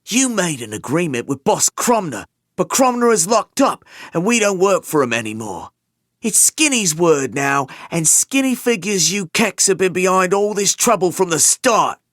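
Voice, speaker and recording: A man's voice: high-pitched, sing-song, moderate pace, fairly bright tone, no echo, clean studio sound, pitched above the performer's own voice. A man doing a menacing gangster enforcer. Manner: menacing, threatening. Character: vengeful brutal male gangster enforcer.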